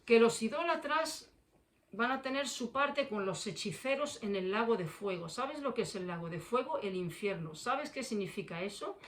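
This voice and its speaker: A woman's voice: mid-range voice, lively intonation, moderate pace, few pauses, fairly bright tone, slight background noise. A woman preaching a fiery sermon, repeating phrases for force and firing confrontational questions at listeners.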